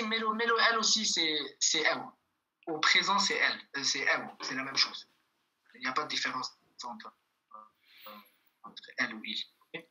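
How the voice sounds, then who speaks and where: A man's voice: a little high, sharp tone, poor audio. A man teaching a language class online, patiently repeating each example and checking in with his students.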